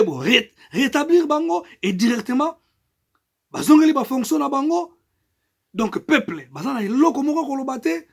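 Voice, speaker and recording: A middle-aged Congolese political activist makes an impassioned appeal in Congolese-accented French, slipping in Lingala phrases. His voice is high and husky, and he drives his points home emphatically. His volume swings between loud bursts and quieter passages.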